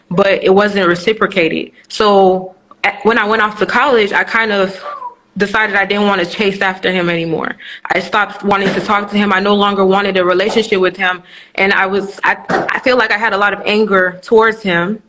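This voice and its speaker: A woman's voice: mid-range voice, steady tone, moderate pace, a bit bright, a little hiss or hum, poor audio. A woman in her twenties, from Nigeria, speaking candidly as a guest on a live-streamed interview, telling her story with many restarts and fillers. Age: 20s.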